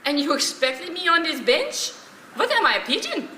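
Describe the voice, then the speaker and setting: Performing dramatic dialogue in a stage play, a woman gives a sardonic old woman a high, sharp, exaggerated voice, very animated at normal speed. Her lines scold with dry sarcasm and a Yiddish flavour. The recording, taken from far off in the theatre, is echoey and noisy.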